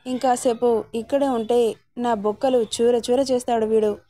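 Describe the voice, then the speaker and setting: A woman's voice: fairly high pitch, steady tone, moderate pace, warm tone, no room sound, natural voice. A woman voicing a friendly young male college student who talks casually, in a dry recording.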